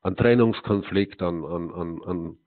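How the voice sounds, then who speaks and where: A man speaks to a seated audience in a fairly low voice, posing rhetorical questions and answering them with emphasis. His talk is dotted with filler words and small hesitations. The sound is narrow and tinny, like a phone line. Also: brisk. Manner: sprinkles in "ja" and hesitant "äh". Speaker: lecturer.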